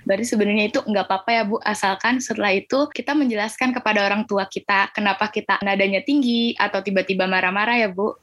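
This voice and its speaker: A woman's voice: mid-range voice, steady tone, quick pace, hardly any pauses, fairly bright tone, dry recording. A young woman interviewing a guest, asking polite, hesitant questions and addressing her respectfully.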